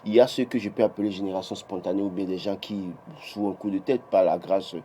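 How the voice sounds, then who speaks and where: On a morning TV press review, a man with a Beninese French accent offers political commentary in a deep, dark voice. He talks briskly with fairly even intonation, yet he's emphatic, restarts often, and rises in pitch when insisting. A little hiss or hum is audible.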